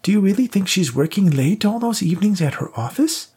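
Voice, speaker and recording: A man voicing a spiteful, murderous old woman with a shrill, scolding voice in an audiobook. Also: lively intonation, fairly quick, warm tone, breathy edge, heavily acted. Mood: scornful.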